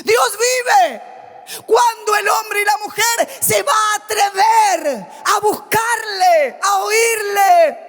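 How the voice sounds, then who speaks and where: A woman pastor preaching a sermon, calling out loud and then dropping suddenly to quiet asides. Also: high voice, in a large hall. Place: church.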